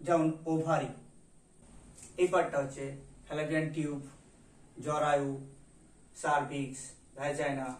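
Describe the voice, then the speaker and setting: A man teaching biology over a diagram, asking and answering his own questions and mixing English terms into his explanation. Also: fairly high pitch. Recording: roomy echo, voice from a distance.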